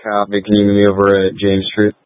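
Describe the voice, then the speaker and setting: A man's voice: fairly low pitch, completely flat delivery, quick pace, no echo. A man speaking clipped, businesslike radio traffic as an emergency responder, heard over a two-way radio. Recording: tinny radio transmission.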